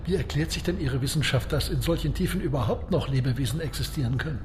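An actor playing a commanding, mysterious submarine captain in a radio drama, speaking in a measured, superior and faintly mocking way. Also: male voice, mid-range voice, background noise, close to an everyday voice. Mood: probing, superior.

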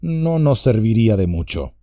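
A man's voice: fairly low pitch, sing-song, moderate pace, dark tone, no echo, clean studio sound. Man doing Frodo, a frightened young hobbit. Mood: worried. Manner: anguished, raising voice in alarm.

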